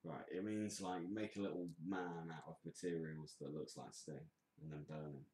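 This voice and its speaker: A man's voice: sits low, steady tone, normal speed, darkish tone, reverberant. A man, swearing and teasing in casual podcast banter from a dim bar. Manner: sweary, teasing, mocking accents. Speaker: podcast co-host.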